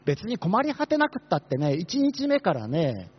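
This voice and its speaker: Quick-talking, lively man preaching. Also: sits high, husky. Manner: fast-talking, asks the congregation questions. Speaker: pastor. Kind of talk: sermon. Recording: dull lo-fi sermon recording.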